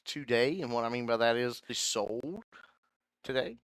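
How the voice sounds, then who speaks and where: A man's voice: medium pitch, expressive, no room sound, low-quality recording. A man co-hosting a reselling podcast, chatty and teasing in casual conversation. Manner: chatty, teasing, quick to laugh. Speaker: podcast co-host. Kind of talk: casual chat.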